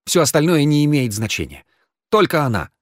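A man reading an audiobook, voicing a frantic young man who swears he is innocent, his voice high and loud with fear. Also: sing-song, brisk, no room sound, clean studio sound. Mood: pleading. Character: panicky young man, accused, pleading.

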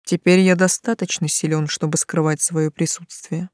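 A woman voicing a calm, stern male angel of death who speaks slowly and levelly, with a mocking edge. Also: deep voice, no room sound, clean studio sound, lightly acted.

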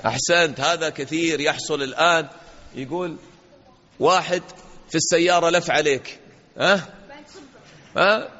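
Sheikh teaching kids in a hall. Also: male voice, high voice, fairly bright tone. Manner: questions pupils, praises answers, acts out dialogues. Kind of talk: interactive religious lesson. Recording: dull lo-fi audio in a reverberant hall.

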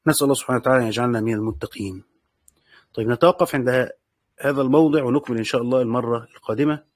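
A male teacher with an Egyptian accent explains a classical text at an unhurried pace, going back over key phrases and reading quoted passages slowly. His voice sits at an ordinary middle pitch and sounds dry and close, with no room echo. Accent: Egyptian Arabic. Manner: asks the class rhetorical check questions.

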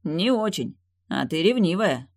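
A reader voicing a proud, sharp-tongued young widow in an audiobook, speaking curtly. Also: mid-range voice, very animated, unhurried, no echo, studio quality. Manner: grumbling, curt.

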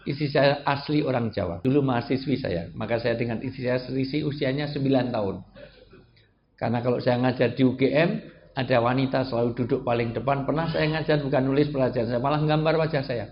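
A middle-aged man giving a humorous religious lecture, joking with his audience and breaking into loud bursts of emphasis. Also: mid-range voice, a little fast. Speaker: preacher. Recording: dull lo-fi recording with faint background hiss.

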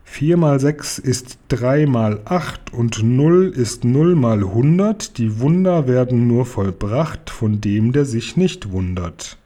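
A man's voice: mid-range voice, expressive, dark tone. A man doing a mysterious chief murmuring spells. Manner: slow, murmured incantation.

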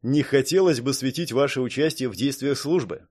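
A stern spymaster chief who weighs every word slowly, as a male reader voices him. Between his pauses, he snaps out curt orders in this audiobook. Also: mid-range voice, darkish tone, husky, lightly acted. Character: man, head of watch service, stern and thoughtful.

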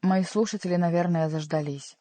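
A woman voicing a stout, sulky male monk who speaks with a booming, nasal voice. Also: fairly quick, dark tone, no room sound, lightly acted. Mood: pious, sulky.

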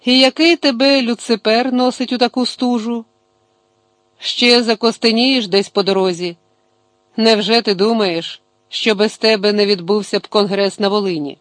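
A man's voice: high voice, steady tone, normal speed, fairly bright tone, no room sound. A man voicing a middle-aged male boyar who talks in a teasing, commanding way.

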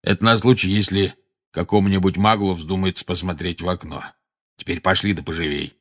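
A man voicing a gruff, stern old wizard who growls curt orders in a low voice. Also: fairly even intonation, a little fast. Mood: gruff commanding.

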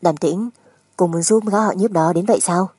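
A woman narrator acts out a surly gambler husband in a dramatic audiobook. The voice is low-leaning and husky. He is crude, sneering and spiteful, with menace under the mockery. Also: moderate pace, dark tone, dry recording. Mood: bitter mockery.

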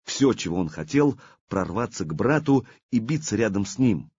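A man narrating an audiobook with a lively, dramatic reading. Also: lowish voice, moderate pace, breathy edge, no echo, highs cut off.

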